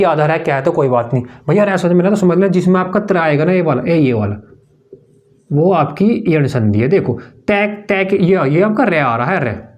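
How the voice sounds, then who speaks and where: A man's voice: fairly high pitch, a little mellow, lo-fi sound. A male teacher explaining Hindi grammar for an exam-prep class, repeating each point and calling the students "brother". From India.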